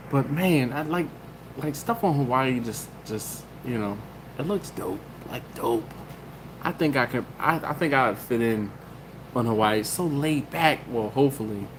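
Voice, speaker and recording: A man from Maryland with a medium-pitched, expressive voice runs a casual livestream, reading out chat comments and rambling along with frequent laughs and self-interruptions. He talks at a measured pace over a noisy background.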